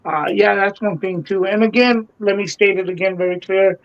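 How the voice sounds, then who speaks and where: A man speaks earnestly on a live video-call panel, stumbling and repeating words as he makes his point. His voice sits fairly high. The audio is dull and lo-fi. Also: steady tone, moderate pace. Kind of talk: casual panel chat.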